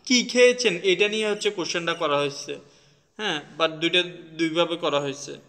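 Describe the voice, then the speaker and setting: Man, bright higher voice, casual tutor demonstrating sounds, reverberant room. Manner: demonstrates sounds, mixes in English words. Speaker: language teacher. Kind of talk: casual video lesson.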